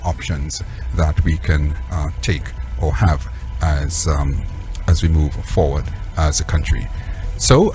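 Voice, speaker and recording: A man with a Trinidadian accent hosting a current affairs interview, speaking formally in halting, deliberate phrases. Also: deep voice, darkish tone. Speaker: talk show host.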